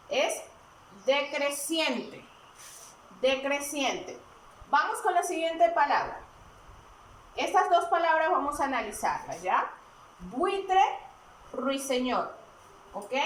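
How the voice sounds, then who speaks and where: Slow, high-voiced woman teacher. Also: a bit bright. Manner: slow and deliberate, asks and answers her own questions. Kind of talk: recorded grammar lesson. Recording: echoey room, mic at a distance.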